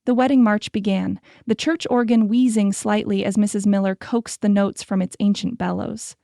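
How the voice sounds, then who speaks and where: Gravelly, warm woman narrating a romance audiobook. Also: medium pitch, fairly even intonation, dry recording, studio quality. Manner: measured, descriptive storytelling. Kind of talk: scripted narration.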